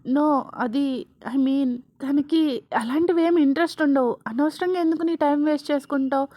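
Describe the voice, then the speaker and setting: A woman's voice: sits high, normal speed, warm tone, no room sound, close to an everyday voice. Woman doing a flustered, defensive young woman. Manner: defensive, exclaiming.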